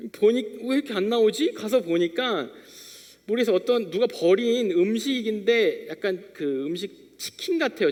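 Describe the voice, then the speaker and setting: A young male youth pastor delivers a sermon in a relaxed, conversational way, acting out little exchanges as he tells everyday stories. His voice sits high for a man. It rings out with the long reverb of a church hall. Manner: conversational storytelling preacher, acting out little dialogues. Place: church sanctuary.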